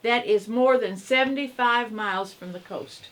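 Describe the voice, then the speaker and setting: A woman's voice: fairly high pitch, moderate pace, a bit bright. A woman co-hosting a casual radio talk show, eagerly sharing trivia facts and asking her partners to share her delight. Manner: shares trivia eagerly, asks "isn't that interesting?".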